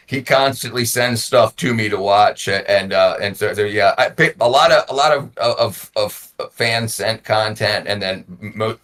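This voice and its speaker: A man's voice: lowish voice, a bit bright. Rambling man in his forties. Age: 40s. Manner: rambling, repeats words while thinking, gives advice. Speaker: interview guest, YouTuber. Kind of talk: casual conversation.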